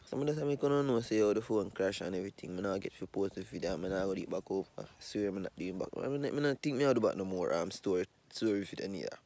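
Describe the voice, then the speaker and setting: A young Trinidadian man vlogging outdoors into a phone held at arm's length, complaining in a low, glum way. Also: lively intonation, fast talker, few pauses. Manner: low, glum complaining, turning loud and laughing at the end. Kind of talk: casual vlog talk to camera. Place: outdoors among bushes and palms.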